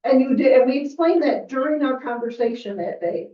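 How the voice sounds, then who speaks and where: A woman's voice: high voice, brisk, distant mic. Woman, village staff member, firm, earnest, roomy echo, dull meeting audio. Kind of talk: public meeting statement. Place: village board meeting room.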